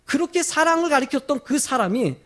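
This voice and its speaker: A pastor with an extremely high, slightly bright voice delivers an animated sermon, his throat sore from a cold. He speaks emphatically, drawing out stressed phrases and putting rhetorical questions to his congregation.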